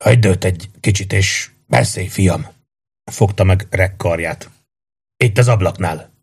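A man doing an old fatherly warrior in a storybook reading, speaking calmly and gently. the voice is low and husky. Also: exaggerated voice. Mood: gentle. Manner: calm, gentle.

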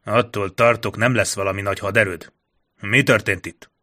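A man voicing a brisk, commanding male general who gives crisp orders. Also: fairly low pitch, steady tone, sharp tone.

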